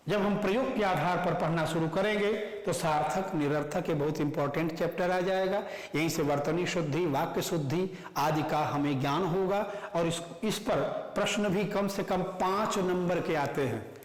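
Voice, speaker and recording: A man teaching Hindi grammar in an online class, lively and animated, stressing words in his examples. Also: high-pitched, normal speed. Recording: echoey room with long reverb.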